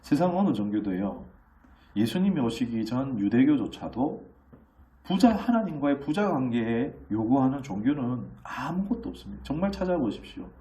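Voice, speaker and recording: A middle-aged male pastor preaching in a chatty, animated way, with a pitch that swings widely from phrase to phrase. He speaks at a middle height for a man and keeps turning to the listeners with questions. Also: moderate pace, far from the mic. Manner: animated, acts out children's voices in quotes; conversational, asks the congregation questions. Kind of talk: sermon.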